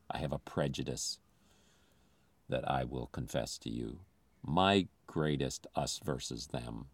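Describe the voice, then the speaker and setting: A man's voice: rumbling low, vocal fry, dry recording. A man who grew up in the Philippines, giving an earnest, confessional sermon as a pastor.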